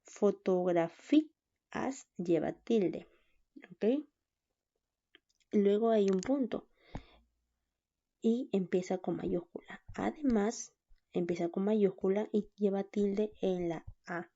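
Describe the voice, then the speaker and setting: A woman walks students through a recorded online class at an unhurried pace, her voice dark and mellow. She keeps checking whether they follow. The recording sounds dull and lo-fi. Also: medium pitch. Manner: slow, patient, checks in with "¿no?". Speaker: teacher.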